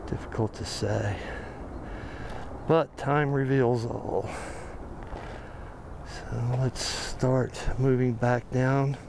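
Touring a construction site in a city plaza on foot, a gravelly, medium-pitched American videographer narrates in a relaxed way. He pauses often and uses fillers while thinking aloud, and the outdoor camera audio carries noticeable background noise.

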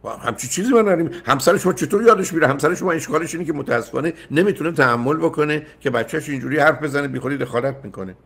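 A man's voice: a little high, gravelly, hardly any pauses, fairly bright tone, breathy edge. An older man hosting a call-in advice show, emphatic and often cutting in with repeated no's. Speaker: radio psychologist host.

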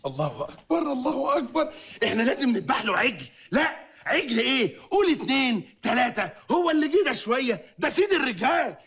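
A high, fast, blustering Egyptian husband. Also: male voice, sing-song, fairly bright tone, breathy edge, full character voice. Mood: jubilant. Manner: blustering, bossy, comic. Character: blustering village husband, young adult. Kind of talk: TV drama acting.

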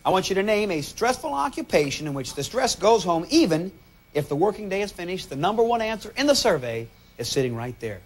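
A man hosting a game show, teasing and joking with contestants over a loud studio audience. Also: high-pitched, very animated, brisk. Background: loud studio crowd.

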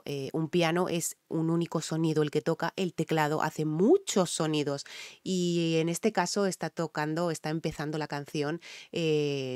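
A woman's voice: sits low, darkish tone, no room sound, clean studio sound. A woman from Spain, a singer, with a Spain Spanish accent, commenting on music in an effusive, exclaiming way with frequent fillers. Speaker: singer and vocal coach reacting to music.

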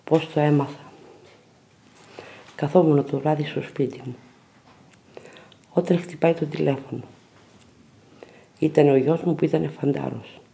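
A mother telling her family's story slowly and plainly in a documentary interview. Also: low voice, steady tone, creaky, warm tone.

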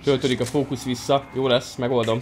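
A young man chats through a gameplay session in an easygoing, excitable way, with a mid-pitched voice. Steady noise sits under his talk throughout. He swears casually as he plays. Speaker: gameplay streamer. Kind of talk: casual let's-play commentary, reading game dialogue aloud in Hungarian.

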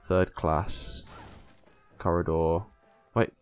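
A man hosting a gaming video, giving casual, excitable, mildly sweary commentary as he plays with a friend. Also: low-pitched, very slow, over loud music.

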